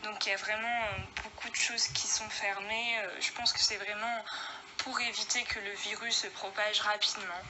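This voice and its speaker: A woman's voice: medium pitch, level tone, moderate pace, noisy background. A woman from Réunion, a guest giving a casual spoken testimony, hesitant and full of fillers, recorded at home.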